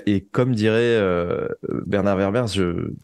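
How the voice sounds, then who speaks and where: A man who writes audio fiction explains things casually as an interview guest, often hesitating and repeating words while he hunts for the right phrase. His voice is low-pitched and slow, with vocal fry and a darkish tone, in a dry recording.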